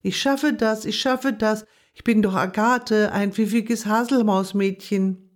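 A woman voicing a clever, plucky little girl dormouse in a children's story, in a raised, bright storybook voice. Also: medium pitch, fairly even intonation, a little slow, close to an everyday voice. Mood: encouraging herself.

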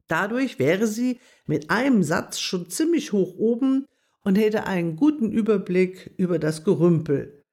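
A storyteller reading a children's story aloud in a gentle, expressive way. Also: mid-range voice, a little slow.

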